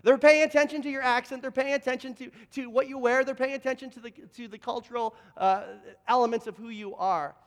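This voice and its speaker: A pastor with a notably high voice for a man tells stories from the pulpit. He keeps stumbling into quick repeats and restarts as he builds each point. His voice rings out with a long reverb, as if across a church hall. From Canada, Toronto. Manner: lively anecdotes, frequent word repeats and restarts. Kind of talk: storytelling sermon.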